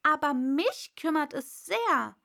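An earnest little girl, as a woman reading aloud puts her on, protesting and now and then faltering. The voice sits raised and bright, lifting with childlike indignation, in a storybook reading. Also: sits high, animated, slow pace, gravelly, voice pushed up, heavily acted. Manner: protesting, hesitant. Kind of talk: audiobook character voice.

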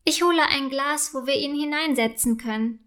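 A woman voicing an excitable young girl who talks eagerly and stammers when caught out. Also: high voice, moderate pace. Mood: excited.

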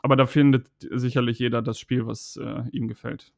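A man's voice: mid-range voice, level tone, fairly quick, creaky, a little mellow, no room sound, studio quality. A man chatting casually on a podcast about a video game, talking in a rambling, hesitant way with many fillers.

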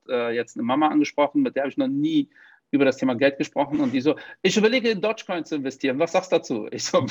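A man's voice: fairly high pitch, dry recording, highs cut off. A man who grew up in Portugal, hosting a podcast and chatting casually with many fillers and jokes. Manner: joking, lively storytelling with many fillers. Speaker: podcast host. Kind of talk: casual interview chat.

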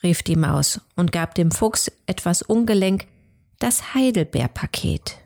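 A woman storyteller narrating a rhyming storybook, measured and sometimes hushed. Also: lowish voice, animated.

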